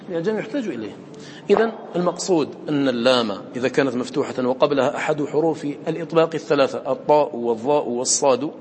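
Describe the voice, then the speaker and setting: Fast-talking male teacher in an echoey hall. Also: mid-range voice, darkish tone. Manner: explains step by step, quizzes students with short questions. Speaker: teacher of Quran recitation. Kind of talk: classroom lesson explaining a poem. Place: lecture room with students. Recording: echoey hall with faint noise.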